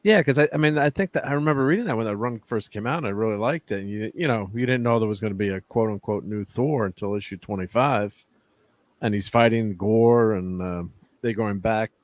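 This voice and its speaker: Casual host, lower male voice, meandering and halting delivery. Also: dry recording. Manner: rambling, halting, laughs often. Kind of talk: casual chat.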